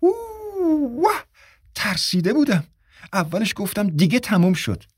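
A man voicing an excited young woman who helps run the office, squealing breathlessly in a radio drama. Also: high-pitched, slightly rough, no echo, studio quality, pitched above the performer's own voice, heavily acted. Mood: thrilled.

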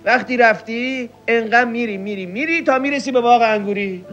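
A man's voice: extremely high pitch, fairly bright tone. A man voicing a sly, scheming male animal in a puppet show, giving long, sighing, repetitive directions. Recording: dull lo-fi TV audio.

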